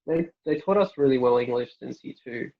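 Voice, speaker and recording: Through narrow, tinny audio comes a young Norwegian man, a family doctor speaking his native-accented answers fairly quickly in a creaky, medium-pitched voice. He's relaxed in the interview, using many fillers and restarts.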